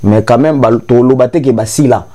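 A man's voice: medium pitch, brisk, mellow. A young man from Congo giving a gesturing critique on a TV studio talk show, switching between Lingala and French. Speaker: commentator. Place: TV studio with grey sofa.

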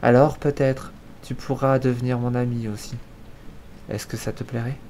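A man reading the lines of a gracious, wealthy middle-aged countess in a soft, measured, murmuring way, in a storybook reading. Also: mid-range voice, steady tone, slight background noise, natural voice. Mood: gentle.

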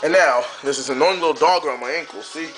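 A man's voice: on the high side, fast, music in the background, low-quality recording. A man showing a drink recipe in his home kitchen, rambling and correcting himself, heard through old camcorder audio. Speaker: home video maker. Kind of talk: casual recipe demo.

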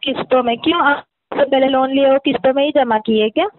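A woman's voice: sits high, rapid-fire, noisy background. A woman calling about a loan repayment over the phone, pushy and talking over the other person. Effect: heard over a phone line. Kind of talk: heated phone call. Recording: tinny phone-line recording.

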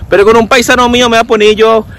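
A man's voice: very high voice, little pitch movement, very fast, fairly bright tone, slight background noise. A man giving casual sarcastic commentary, often mimicking people. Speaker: vlogger.

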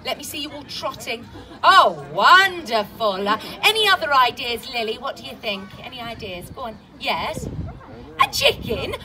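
A woman's voice: on the high side, big pitch swings, moderate pace, sharp tone. A woman presenting a live children's show, coaxing the kids in a cheery call-and-response way. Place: outdoor farm show stage. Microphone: filmed from audience at a distance. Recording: distant audience-filmed live show. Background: crowd of children and music.

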